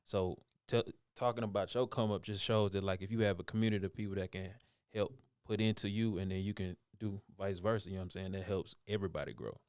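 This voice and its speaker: A man with a low, smooth and resonant voice, conducting a relaxed interview. He talks in a loose, rambling way with plenty of slang. The sound is close and dry, with no room around it. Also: fast, no echo. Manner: laid-back, rambling, slangy. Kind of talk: casual interview.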